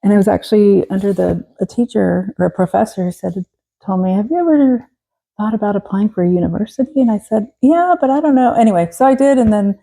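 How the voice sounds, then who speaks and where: A woman in her forties from Texas, a guest telling her story in a relaxed interview, pausing often and restarting. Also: medium pitch, vocal fry, poor audio. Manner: hesitant, many fillers and restarts. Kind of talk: casual interview.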